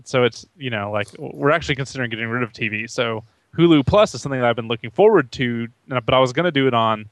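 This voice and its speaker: A man's voice: mid-range voice, lively intonation, fast talker, dry recording. A man chatting casually on a gaming podcast, joking and laughing as he talks. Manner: jokey, chatty, laughs mid-sentence.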